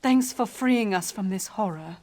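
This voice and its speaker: Woman acting a plaintive, slow-spoken grieving daughter. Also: medium pitch, animated, darkish tone, no echo, lightly acted. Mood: mournful. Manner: plaintive, halting, emotional. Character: grieving, tender daughter of a dead townsman. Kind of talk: video game character acting.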